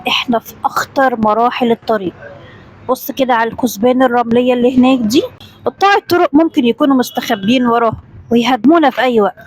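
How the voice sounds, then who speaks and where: A woman's voice: fairly high pitch, racing, natural voice, low-quality recording. A woman voicing a cautious, fearful male servant who whispers to the boy he guides.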